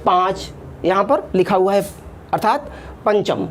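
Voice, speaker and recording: A woman's voice: medium pitch, expressive, measured pace, a little hiss or hum. A woman teaching a Sanskrit grammar lesson, patiently repeating each term first in Sanskrit and then in Hindi, and drawing out the vowel sounds as she says them. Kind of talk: classroom lesson explaining at a board.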